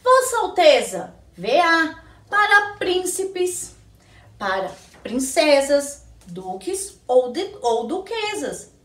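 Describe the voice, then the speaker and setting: A woman teacher with a Brazilian Portuguese accent giving a recorded lesson to young children, slowly asking questions and answering them herself. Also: high voice, very animated, fairly bright tone, distant mic. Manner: slow, sing-song teacher talk, answers her own questions. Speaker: primary school teacher. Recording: echoey room, slightly off-mic.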